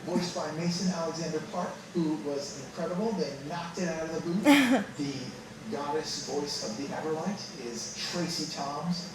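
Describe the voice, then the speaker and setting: Cheery featurette voice, far off and super echoey, noisy bg. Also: medium pitch. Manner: cheerful, laughing between phrases. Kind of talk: featurette narration. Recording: echoey, distant from the mic, with background noise.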